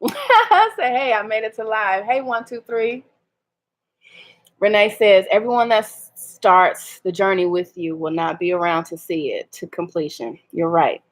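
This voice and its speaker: A woman's voice: mid-range voice, animated, a little slow. A woman, talking candidly in a personal vlog, hurt and laughing ruefully through her restarts. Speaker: vlogger.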